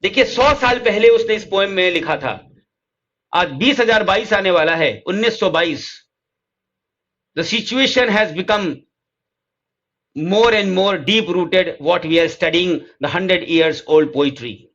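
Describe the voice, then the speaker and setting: Male lecturer; high-pitched, unhurried, asks the class questions and answers them; muffled recording. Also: fairly bright tone. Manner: slow, deliberate English lines and rapid Hindi explanations. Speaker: literature teacher. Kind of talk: lecture mixing Hindi and English. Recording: dull lo-fi recording.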